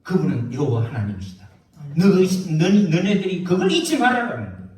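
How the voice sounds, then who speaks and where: Male pastor preaching, high lively voice, animated storytelling, rhetorical questions, echoey church hall, heard from a distance. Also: brisk. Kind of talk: sermon.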